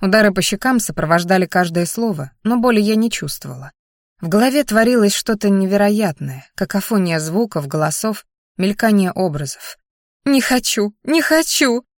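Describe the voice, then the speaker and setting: A woman's voice: mid-range voice, expressive, brisk, no echo, clean studio sound. Woman narrating a first-person novel. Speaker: audiobook narrator.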